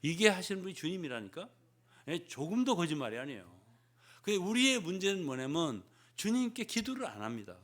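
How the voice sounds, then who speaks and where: An older man preaching a sermon as pastor, often prodding the congregation with a questioning "eh?" and swinging between loud emphasis and hushed asides. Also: high voice, big pitch swings, a little fast. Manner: peppers phrases with prodding "예?" to the congregation.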